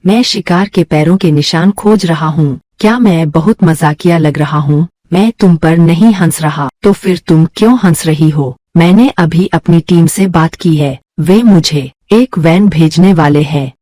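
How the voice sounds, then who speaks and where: A man's voice: on the high side, unhurried, few pauses, darkish tone, no echo, natural voice. Dub role: actor as a boastful young man, earnest and complaining, dry close mic. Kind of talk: Hindi dub of drama.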